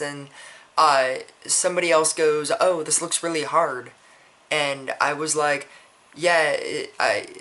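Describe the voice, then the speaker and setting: Bright-voiced guy rambling through a story. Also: on the high side. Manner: rambling, frequent restarts, blunt and profane. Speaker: vlogger. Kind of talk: casual storytelling.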